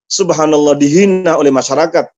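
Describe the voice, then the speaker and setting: High-voiced man telling a dramatic sermon story. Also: a little fast, darkish tone. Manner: dramatic storyteller, emotional swings. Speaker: preacher. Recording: dull lo-fi sound.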